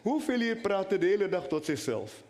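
High-voiced animated male preacher. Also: a little fast. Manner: animated, talks directly to the congregation. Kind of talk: sermon. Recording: long hall reverb.

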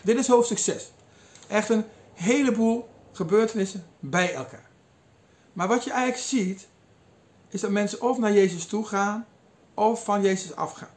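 A man's voice: high-pitched, moderate pace. A man giving a sermon, retelling a Bible passage in a storytelling way with some hesitations. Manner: storytelling, quoting figures in lively asides, some hesitations. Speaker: preacher.

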